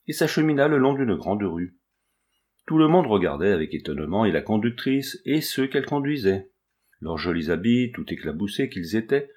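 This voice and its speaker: A man narrates a classic children's tale in a calm, measured reading. His voice sits on the low side. He speaks directly to his listeners and shapes each phrase with care. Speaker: audiobook reader. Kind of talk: scripted storybook narration.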